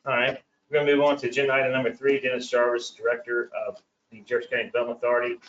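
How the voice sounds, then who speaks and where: Brisk male meeting chair, heard distant in a dull, echoey chamber. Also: mid-range voice, monotone, a bit bright. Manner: brisk, procedural. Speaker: commission president chairing meeting. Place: county meeting room.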